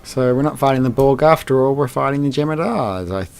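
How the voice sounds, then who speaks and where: A man giving relaxed commentary while playing a video game, sometimes reading the dialogue aloud. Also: mid-range voice, quick pace, vocal fry, clear, resonant tone. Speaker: let's play gamer. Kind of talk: casual gameplay commentary.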